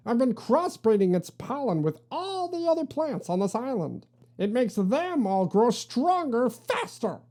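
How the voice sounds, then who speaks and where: Storybook villain bee king, played by a woman: pompous, theatrical, drawn-out, mellow rather than sharp. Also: a little high. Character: grandiose self-crowned male bee king, scheming villain. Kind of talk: comic storybook read-aloud.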